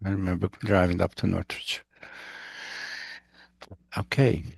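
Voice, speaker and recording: A man teaching as a professor introduces an online class over video call, wandering through anecdotes and frequently cutting himself off to restart his sentences. His low, darkish voice is level in tone and unhurried, with vocal fry and a breathy edge. No room sound is audible.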